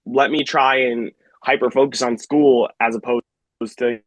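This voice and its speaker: A man's voice: mid-range voice, steady tone, measured pace. A young man in his twenties talks over a remote call in a rambling, self-correcting way. His audio is choppy, with the ends of words cut off and dropping out. The sound is very dry, with no room echo. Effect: choppy connection, words cut off and dropping out. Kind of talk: casual reflective conversation. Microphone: distant microphone on a call.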